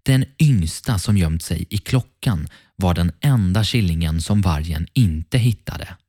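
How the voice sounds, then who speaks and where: A man narrating a fairy tale for children in a calm, friendly, measured way. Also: deep voice, dry recording, clean studio sound. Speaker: children's storyteller.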